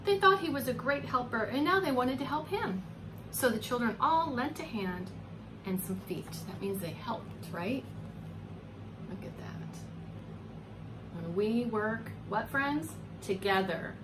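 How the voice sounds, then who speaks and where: A woman in her forties with a fairly high pitch and lively intonation reads a children's story at an unhurried pace, very much the expressive preschool teacher. She draws out words and puts coaxing questions to the young listeners. The home recording carries clear noise.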